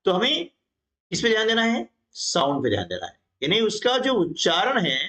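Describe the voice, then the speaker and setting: A man's voice: sits high, wildly swooping pitch, moderate pace, pushed and bright. A man teaching a grammar lesson for exam preparation, explaining step by step and often checking in with his students.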